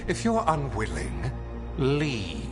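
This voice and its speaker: A man's voice: mid-range voice, huge pitch swings, music in the background. An actor playing a power-hungry male elven ruler in a video game cutscene, cold and dismissive. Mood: contemptuous. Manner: cold, dismissive, slow and deliberate.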